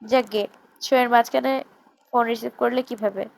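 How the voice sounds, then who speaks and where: A woman's voice: a little high, fairly even intonation, normal speed, creaky, poor audio. A woman reading a dry, scolding young wife. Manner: dry, scolding, matter-of-fact.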